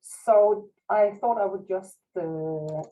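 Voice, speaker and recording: Her medium-pitched voice moves slowly and sounds phone-quality as she presents online through a video call. She is a Danish-accented university researcher from Denmark, lecturing with care and modesty and frequently starting over.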